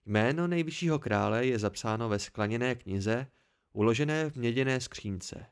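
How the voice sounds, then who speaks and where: A calm village innkeeper, read by a man in a homemade audiobook. The delivery stays plain and explanatory, close to the reader's own voice. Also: medium pitch, clear, resonant tone, lightly acted. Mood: explaining.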